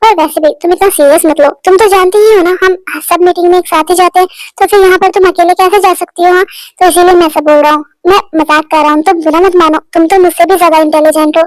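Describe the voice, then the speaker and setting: A woman's voice: very high voice, no echo, rough recording. A woman voicing a teasing, bossy young man in an amateur fan dub, mocking and bantering. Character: teasing, bossy young male business partner.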